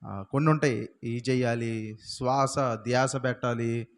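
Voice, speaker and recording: A man's voice: mid-range voice, fairly even intonation, unhurried. A male pastor preaching a sermon, firing rhetorical questions at the congregation and punctuating points with repeated hallelujahs.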